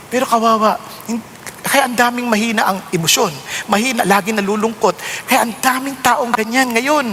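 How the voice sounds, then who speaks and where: A middle-aged man with a Filipino accent preaching an animated sermon in Tagalog mixed with English, his voice leaping up for emphasis. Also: very high-pitched, a little hiss or hum. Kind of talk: Taglish sermon.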